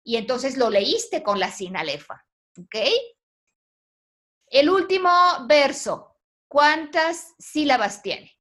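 A woman's voice: sits high, sing-song, takes it slowly. A woman teaching a poetry class online, patiently quizzing her students. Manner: patient, asks the class questions.

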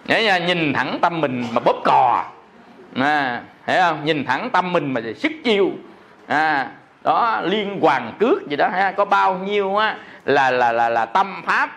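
High-voiced monk, jokey sermon. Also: male voice, lively intonation, a little slow, pushed and bright. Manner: jokey, laughs often, peppers talk with rhetorical questions. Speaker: Buddhist monk preaching.

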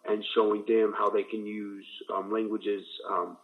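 A man's voice: on the low side, flat delivery, a little slow, phone-quality sound. A man from Indiana, a guest on a radio show, answering at length with many fillers and restarts. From Indiana, USA. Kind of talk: casual interview answers.

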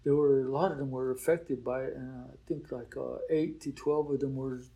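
With a mid-range voice that's dark, relaxed, and marked by vocal fry, an older Oklahoman who teaches at a boarding school muses unhurriedly in an interview, often saying "you know." The audio is poor.

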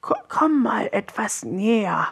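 A man voicing a weak, wise old troll frog with a high, breathy, wheezing voice. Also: sing-song, slow pace, a bit bright, exaggerated voice. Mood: feeble.

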